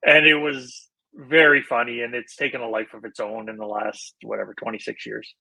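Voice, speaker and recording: A man's voice: mid-range voice, little pitch movement, brisk, creaky, pushed and bright, poor audio. A man co-hosting a podcast in casual chat, explaining things in an earnest, easygoing way. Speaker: podcast co-host.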